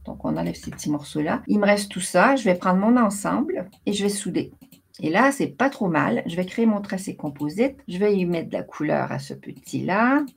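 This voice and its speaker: Gravelly-voiced woman hosting a software tutorial. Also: mid-range voice, sing-song, moderate pace. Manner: chatty, thinks aloud while working. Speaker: craft software tutorial host. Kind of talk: screen-recorded software tutorial.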